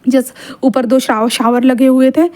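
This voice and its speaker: A woman narrates a fan fiction story in a chatty, rambling way. Her voice sits high with a soft, dark tone. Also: level tone, measured pace. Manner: chatty, loose narration with fillers. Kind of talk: casual reading of fan fiction.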